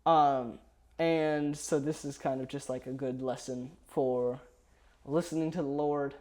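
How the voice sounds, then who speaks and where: A man's voice: mid-range voice, fairly even intonation, a little slow, darkish tone. A young man casually summarizes a Bible chapter on a podcast, hesitant and full of fillers and restarts. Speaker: podcast co-host.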